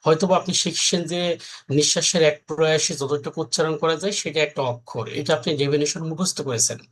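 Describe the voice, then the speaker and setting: A man's voice: fairly high pitch, quick pace, fairly bright tone. A man, teaching a recorded exam-prep lesson in a conversational way, explaining step by step and often checking that his listeners follow.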